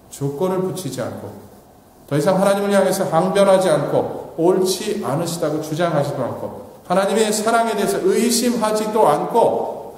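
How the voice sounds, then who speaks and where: A pastor, a man with a slightly raised voice, preaches in a long, echoing hall. He questions his listeners and answers himself. He climbs in pitch to stress a point, then sinks low and quiet. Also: a little hiss or hum. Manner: asks the congregation questions and answers them himself; rises in pitch for emphasis and drops low and soft at the ends of points. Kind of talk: sermon.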